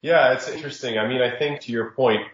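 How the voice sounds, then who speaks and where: A man who was born in Saudi Arabia, giving reflective, measured interview answers as a startup founder. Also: mid-range voice, a little hiss or hum. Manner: reflective, measured, sprinkles religious phrases. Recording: roomy, dull lo-fi audio.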